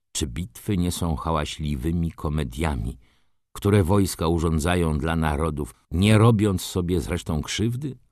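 A man reading a story aloud in the first person, with expressive scripted narration. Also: sits low, dry recording, clean studio sound. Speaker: audiobook narrator.

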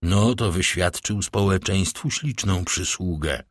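A man reading an audiobook, voicing a calm, ironic, self-assured nobleman disguised as a priest. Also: deep voice, a little slow, no room sound, clean studio sound. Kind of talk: audiobook character voice.

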